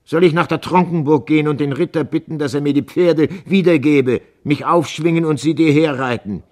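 A man's voice: fairly high pitch, a little fast, voice pushed up, close to an everyday voice. A man reading the part of a determined horse dealer who speaks to his wife firmly but tenderly in a storybook reading. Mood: earnest. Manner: firm, earnest, gently persuasive.

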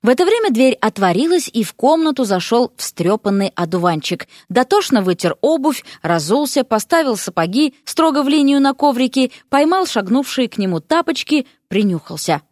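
A woman reads a fantasy audiobook with an expressive, lively delivery. Her voice sits fairly high and moves a lot in pitch. The recording is dry and close. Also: normal speed, few pauses, no room sound. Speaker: audiobook narrator. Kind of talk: scripted fantasy narration.

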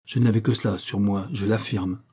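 A man's voice: lowish voice, steady tone, normal speed, warm tone, slightly rough. A man reading the part of an anxious, loyal male government aide in an audiobook, speaking earnestly.

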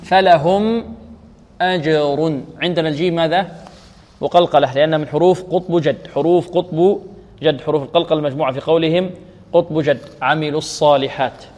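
Sheikh teaching recitation, slow and drilled. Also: male voice, fairly high pitch, fairly even intonation, darkish tone. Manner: drills pronunciation, asks and answers his own questions, chants verses slowly. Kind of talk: tajweed lesson with recited examples. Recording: radio broadcast with long reverb.

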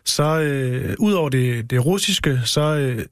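A man hosting a casual radio discussion, asking questions in a halting way. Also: mid-range voice, expressive, dry recording, studio quality. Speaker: radio host.

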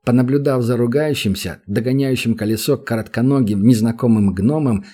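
A man narrating a fantasy audiobook in an even storytelling manner. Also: mid-range voice, a little fast, breathy edge.

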